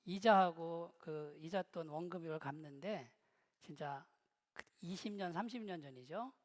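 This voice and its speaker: Middle-aged male pastor, high voice, humorous storytelling sermon, long hall reverb. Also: unhurried. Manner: humorous storytelling, joking with the congregation. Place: church hall.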